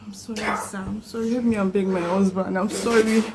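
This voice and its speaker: A woman's voice: medium pitch, fairly even intonation, a little fast, noisy background, lightly acted. A woman playing a married woman caught cheating, begging forgiveness over and over. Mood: pleading. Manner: begging, tearful, repeating apologies.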